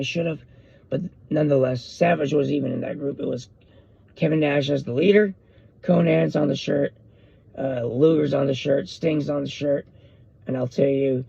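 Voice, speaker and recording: A man, rambling excitedly and jumping between topics as he hosts a casual solo podcast. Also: fairly high pitch, vocal fry, breathy edge, dry recording. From US West Coast. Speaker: podcast host. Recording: dull lo-fi dry recording.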